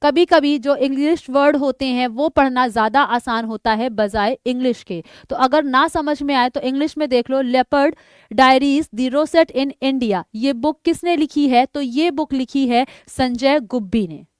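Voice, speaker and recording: A woman's voice: high voice, moderate pace, few pauses, clear, resonant tone, no room sound, studio quality. A woman teaching a live exam-prep class, chatty and joking, drilling answers by repeating them and reading out student names. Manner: chatty, jokes about names.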